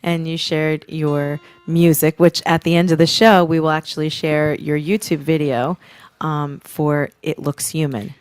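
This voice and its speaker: A woman hosting a live radio health show, effusive and quick to laugh. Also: low voice, level tone, a little mellow, clean tone. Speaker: host.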